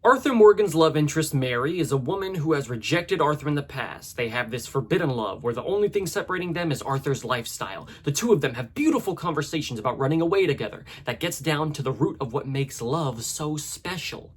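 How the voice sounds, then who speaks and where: A man with a husky voice narrating a scripted video essay in a conversational, analytical way, with casual asides. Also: on the high side, expressive, a little fast, few pauses.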